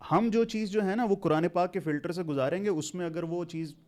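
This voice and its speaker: Animated man in his thirties pushing back. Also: high-pitched. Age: 30s. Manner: animated, pushes back, quick to object. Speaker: podcast host. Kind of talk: heated debate.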